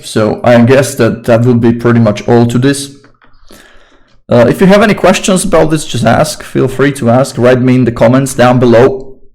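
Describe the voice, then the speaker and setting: A young man with a Slovak accent explains English grammar in a loose, informal way and often repeats himself. His voice sits at a mid pitch, and a keyboard clacks now and then behind him. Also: poor audio. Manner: relaxed, informal and chatty, repeats phrases. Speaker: English teacher. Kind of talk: casual online grammar lesson.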